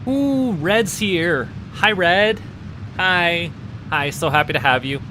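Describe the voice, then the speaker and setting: A high-voiced man takes his time, his intonation lively despite the noisy background. He's a Canadian VTuber streaming a game, rambling through casual chat with viewers and stumbling on repeated words.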